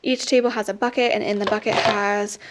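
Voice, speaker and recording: A woman's voice: medium pitch, steady tone, brisk, very noisy. A young woman, a teacher, giving a casual, rambling tour of her classroom while walking a camera around. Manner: chatty, rambling, many "like" fillers. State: slightly out of breath. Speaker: teacher and vlogger. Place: classroom, indoors.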